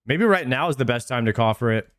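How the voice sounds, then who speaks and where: A man's voice: mid-range voice, animated, fast talker, a bit bright, no echo, clean studio sound. A man chatting casually on a game livestream in hyped, slangy frat-bro talk. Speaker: game streamer. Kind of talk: casual livestream gaming chat.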